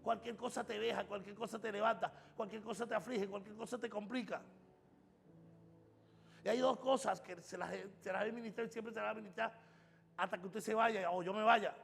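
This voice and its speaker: A man's voice: high-pitched, steady tone, moderate pace, gravelly, fairly bright tone, in a large hall, a little hiss or hum. A man preaching a sermon as pastor, building up through emphatic repeated phrases. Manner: preaching with rising, emphatic repetition.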